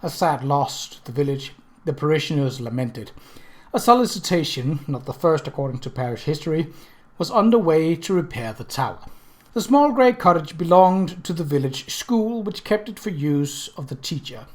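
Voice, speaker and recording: A man with a slightly high-pitched voice reads a period mystery novel aloud. His delivery is expressive, measured and storybook-like, in the manner of an audiobook narrator.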